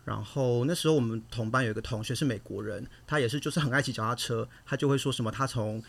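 A man's voice: medium pitch, fast, creaky, fairly bright tone. A man hosting a podcast in casual chat, talking expressively and teasing his co-host.

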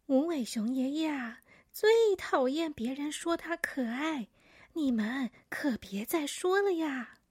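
A woman voicing a gentle, kind big-sister python in a children's story. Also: on the high side, unhurried, dry recording, studio quality, lightly acted.

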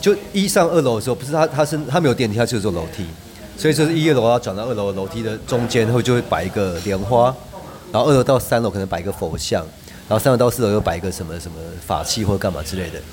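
Fast-talking man. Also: on the low side, crowd noise. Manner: rambling, animated anecdotes with frequent restarts. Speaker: podcast guest. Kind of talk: casual storytelling chat.

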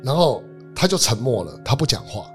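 A man, a lawyer guest telling a personal story in an interview, animated and swinging between loud and hushed. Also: mid-range voice, fairly quick, soft background music.

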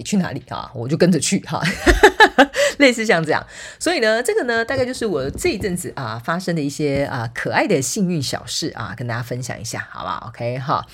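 A woman's voice: sits low, slightly rough. A sleepy woman hosting her own podcast, chatting casually and acting out bits of dialogue as she tells a story. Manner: chatty, acts out quoted dialogue, frequent fillers like OK and 哈. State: sleepy, softer voice than usual. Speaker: podcast host.

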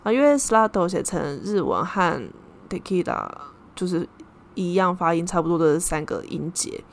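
A young woman hosts her podcast alone, her plain as she tells a story. Her voice sits slightly low for a woman, and she talks in a loose, chatty way, slipping Japanese words in as she goes. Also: expressive, normal speed, a little hiss or hum. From Taiwan. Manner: chatty, sprinkles in Japanese terms. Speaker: podcast host. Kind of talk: casual solo storytelling.

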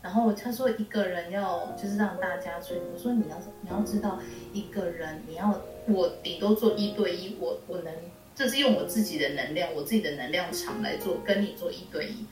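A woman's voice: fairly low pitch, brisk. A woman host and spiritual teacher, chatting bluntly and jokingly while telling stories. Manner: blunt, joking, animated storytelling. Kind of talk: casual chat. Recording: roomy echo, distant mic, music under.

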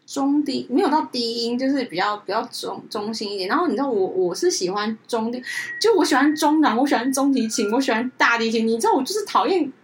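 A woman's voice: on the high side, lively intonation, fast talker, slight background noise, low-quality recording. A woman co-hosting a podcast who chats casually and rambles through anecdotes. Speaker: podcast co-host. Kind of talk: casual chat.

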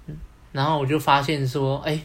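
A man's voice: a little high, flat delivery, normal speed, fairly bright tone. Rambling Taiwanese-accented young man storyteller. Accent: Taiwanese Mandarin. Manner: rambling, full of fillers like "对" and "然后". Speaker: podcast co-host. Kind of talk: casual storytelling chat.

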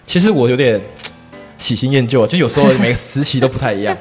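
A man who teaches whisky, explaining tasting in a casual chat, quick and quietly confident. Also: mid-range voice, animated, faint music behind. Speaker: whisky instructor.

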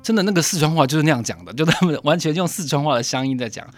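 A man who works as a journalist and podcast host, telling a story in a lively, animated way and acting out the dialogue. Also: on the high side, racing, no echo, soft background music.

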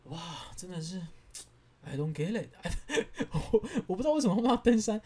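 A man in his thirties with a Taiwanese Mandarin accent, hosting a podcast and telling stories in an animated, exasperated way, laughing as he goes. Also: sits high, brisk. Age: 30s. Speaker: podcast host. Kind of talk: casual storytelling monologue.

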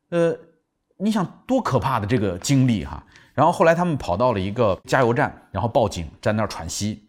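A man recaps a memoir as a storytelling book host, voice swinging widely in pitch. His delivery is animated and keeps acting out the people in the story. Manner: animated, acts out quotes.

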